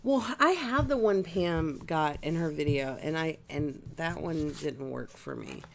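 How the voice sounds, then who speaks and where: A woman with a low, gravelly voice chats casually as she crafts on a livestream. She rambles along unhurried and talks straight to her viewers, leaning on filler words. A faint hiss sits under her voice. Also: expressive. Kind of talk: casual chat while crafting.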